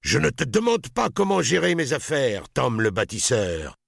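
A man's voice: mid-range voice, huge pitch swings, moderate pace, vocal fry, a bit bright, no room sound, studio quality, pitched above the performer's own voice, full character voice. A man voicing an arrogant young lord on horseback, sneering and commanding. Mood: haughty.

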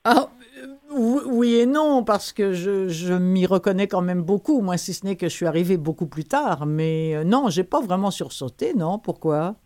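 A woman in her sixties from France with a French accent, hosting an interview in a lively, chatty way with frequent laughs. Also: on the low side, normal speed. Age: 60s. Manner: lively, laughs often, restarts words. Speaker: host. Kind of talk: interview talk.

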